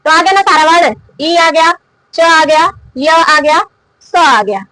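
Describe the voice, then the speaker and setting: A woman teaches a grammar lesson in a very high, bright voice. She asks the class a question, then answers it herself and repeats the answer. The recording is dry and close. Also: expressive, slow, no echo, low-quality recording. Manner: coughs now and then. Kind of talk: classroom lesson explaining and drilling.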